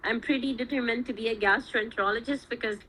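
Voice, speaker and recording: A woman's voice: a little high, steady tone, quick pace, fairly bright tone, rough recording. A woman in her twenties from Saudi Arabia, a medical student giving earnest, reflective interview answers at length.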